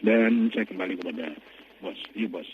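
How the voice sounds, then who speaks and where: A man answering a caller on a radio talk show, speaking in a thoughtful, measured and self-deprecating way. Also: lowish voice. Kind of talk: reflective call-in radio talk. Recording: tinny phone-line audio with faint noise.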